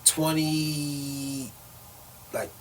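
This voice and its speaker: Low-voiced woman host, easygoing slang talker, mic at a distance. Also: flat delivery. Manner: laid-back, slangy, quick affirmations. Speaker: podcast host. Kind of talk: casual podcast interview. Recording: distant mic, faint background noise.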